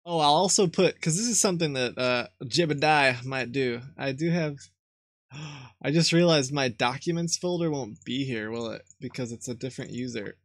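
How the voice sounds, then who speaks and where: A young man chats casually to his livestream, muttering half to himself in a low-key way. His voice is close and dry on the mic. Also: normal speed, no echo. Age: young adult. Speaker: live streamer. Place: small room at home.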